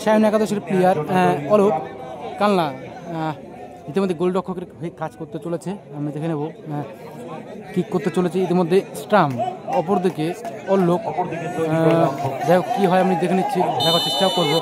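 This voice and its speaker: High-pitched man calling live football. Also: steady tone, moderate pace. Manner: repeats phrases over and over. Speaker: football commentator. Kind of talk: live play-by-play football commentary. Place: outdoors at a local football ground. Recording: outdoor recording with loud crowd.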